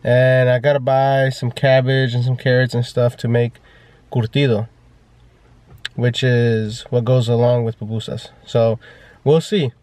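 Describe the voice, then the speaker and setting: A man's voice: medium pitch, level tone, measured pace, a little mellow. A man from Uruguay, talking in an easygoing, slightly hesitant way while vlogging for the first time. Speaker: husband vlogging. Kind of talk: casual vlog.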